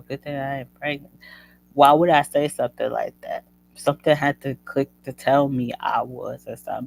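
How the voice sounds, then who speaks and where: A woman's voice: a bass voice, creaky, slight background noise, poor audio. A woman hosting a show who tells a personal story in a casual, chatty way and keeps addressing her listeners as "y'all.". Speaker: host.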